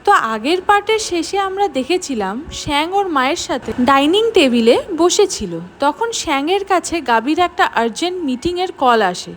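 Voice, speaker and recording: A woman's voice: high voice, sing-song, moderate pace, few pauses, fairly bright tone, faint music behind. A woman, narrating a drama plot recap in a chatty style, addressing viewers directly.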